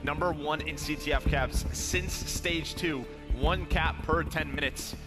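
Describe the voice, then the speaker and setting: A man's voice: on the high side, steady tone, measured pace. A man giving esports caster commentary, explaining the plays in a direct, analytical way. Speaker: esports analyst caster, former pro player. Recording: loud music under the voice. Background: loud music.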